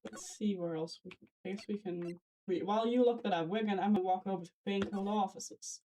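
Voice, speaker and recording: Mellow-voiced woman, wry let's-play commentary, mic a bit far off. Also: mid-range voice, fairly even intonation, fast talker, a little hiss or hum. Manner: chatty, wry asides with restarts. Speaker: co-host streamer. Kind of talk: let's-play commentary, reading game text aloud. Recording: slightly distant mic with faint game music.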